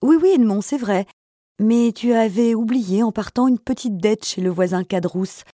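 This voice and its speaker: A woman voicing an elderly, poor and gentle father who talks softly and humbly. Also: a little high, moderate pace, no echo, clean studio sound, close to an everyday voice.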